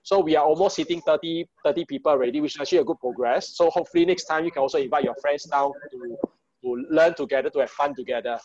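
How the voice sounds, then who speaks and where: A man's voice: fairly high pitch, quick pace, a little mellow. A man in his thirties with a Singaporean accent, casually hosting an online group party over a video call. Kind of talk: casual, informal hosting with Singlish particles. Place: small room at home, on a video call. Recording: dull, lo-fi video call audio.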